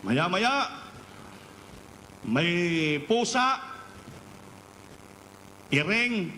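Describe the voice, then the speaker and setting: A male preacher with a fairly high voice tells a story from the pulpit, and his voice climbs at the peaks. The sound rings through a large church hall with a long reverb. A faint hiss runs underneath. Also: very slow. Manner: animated storytelling, rising pitch at climaxes. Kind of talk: storytelling sermon. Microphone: live webcast of service.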